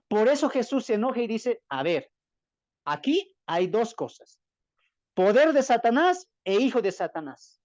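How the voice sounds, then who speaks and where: A man's voice: high-pitched, darkish tone, no room sound. Emphatic man preaching over a dull call. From Bolivia. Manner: emphatic, asks the listeners rhetorical questions and answers them. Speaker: Bible teacher. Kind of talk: preaching-style Bible lecture. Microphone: video call. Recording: dull, dry, lo-fi video-call audio.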